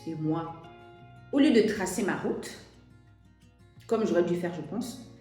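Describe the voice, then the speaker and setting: A woman's voice: fairly low pitch, expressive, a little slow, mellow, soft background music. A young French woman telling a personal story to camera, hesitant, with many restarts and fillers. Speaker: vlogger. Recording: very echoey room.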